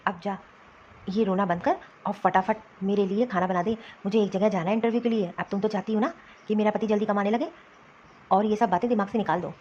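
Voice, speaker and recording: Cartoon husband, a woman voicing him: bossy and reassuring, mid pitch, slightly dull audio. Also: fairly even intonation, brisk, a little mellow, slight background noise, natural voice. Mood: soothing. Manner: reassuring then ordering about. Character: young jobless husband, soothing but bossy. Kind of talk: Hindi cartoon voice acting.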